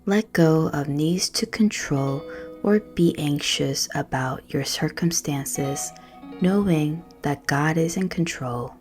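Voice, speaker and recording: Over a bed of music, a low-pitched woman reads a scripted prayer as a meditation guide. She speaks softly and soothingly, in gentle, hushed, carefully measured phrases.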